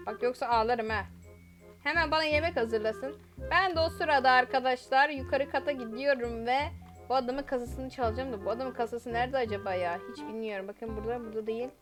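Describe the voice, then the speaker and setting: A young woman commenting on a role-play game in a chatty, exclamatory way, reading typed chat lines aloud as she plays. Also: high-pitched. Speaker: gaming channel host.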